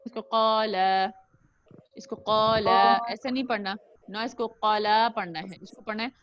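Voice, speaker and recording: A woman teaching a recitation lesson over a video call, modeling words slowly and patiently for a student to repeat. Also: a little high, fairly even intonation, dull audio, over music. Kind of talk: online tajweed lesson.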